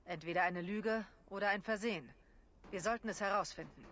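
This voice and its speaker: A man voicing a calm, earnest Viking clan leader in a German game dub. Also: high voice, fairly quick.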